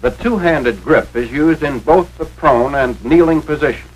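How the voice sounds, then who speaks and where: Speaking at a normal speed in a voice on the high side, this American man narrates a 1940s instructional film from a script. His delivery is authoritative and precisely enunciated, like a step-by-step lesson, heard through a noisy, radio-like period soundtrack.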